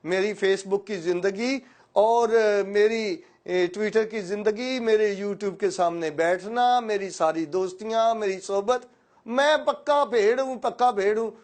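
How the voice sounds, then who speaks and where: A man telling a story plays a young lion convinced he is a sheep, pleading his case earnestly and insistently in a rather high voice. The voice is the storyteller's own, hardly changed. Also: close to an everyday voice.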